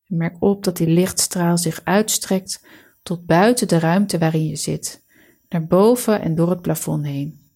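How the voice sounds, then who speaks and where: A woman leading a guided relaxation meditation, giving calm, soothing, measured instructions. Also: fairly low pitch, breathy edge.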